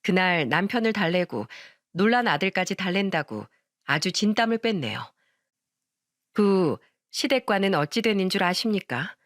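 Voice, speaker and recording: A woman narrates a dramatized radio story like she is chatting with a friend. Her pitch rises and falls in a lively way. The recording is dry and close to the mic. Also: normal speed, no echo. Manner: expressive, conversational.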